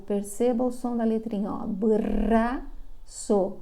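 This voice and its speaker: A middle-aged woman from Brazil, a literacy teacher explaining to parents, slowly sounding out syllables. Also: on the high side, creaky, dark tone. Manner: slow, drawn-out sounding of syllables.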